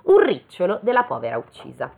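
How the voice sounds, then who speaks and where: Over a tinny, phone-like recording, a woman with a lowish, gravelly voice and wildly swooping pitch reads a fairy tale aloud. She reads slowly, then breaks off with joking, chatty comments in this casual read-aloud.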